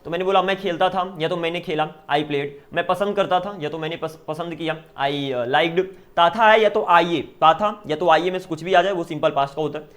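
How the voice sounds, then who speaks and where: A man's voice: on the high side, normal speed, hardly any pauses, fairly bright tone. A man teaching spoken English in an Indian English accent, drilling Hindi and English sentence pairs and checking in with "ठीक है ना?". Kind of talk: online spoken-English lesson.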